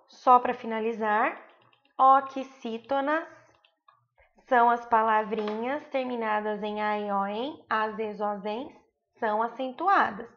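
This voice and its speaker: A Brazilian woman teaching an online grammar lesson, her fairly high voice carrying a gravelly edge. She draws out each example word and keeps checking in with her class. The recording is dull and lo-fi. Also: fairly bright tone. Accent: Brazilian Portuguese. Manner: slow, drawn-out example words with frequent checks like "tá bom?". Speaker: primary school teacher.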